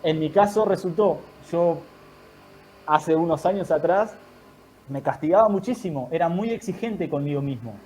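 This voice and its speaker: A man, a guest in an online talk, giving calm, thoughtful advice in measured explanatory phrases. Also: a little high, a little hiss or hum. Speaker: guest speaker.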